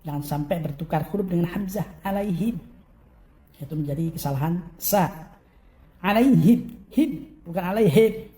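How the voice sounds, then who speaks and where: A man teaching Quran recitation, who chants verses in long drawn-out phrases and then gives brisk corrections. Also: on the high side, mellow. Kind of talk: recitation lesson.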